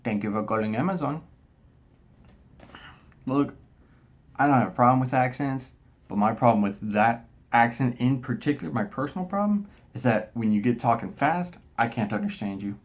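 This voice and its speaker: A man's voice: medium pitch, a little fast. Exasperated man telling a story. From Texas. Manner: animated, exasperated retelling with frequent restarts. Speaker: vlogger. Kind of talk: casual storytelling rant.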